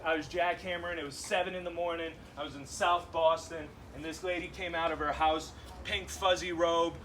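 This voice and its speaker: A man's voice: fairly high pitch, sharp tone, far from the mic. A young man doing a loose stand-up set, swearing and laughing through his punchlines, on a handheld stage mic. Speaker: stand-up comedian. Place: comedy club stage with live audience. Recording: live room noise clearly audible.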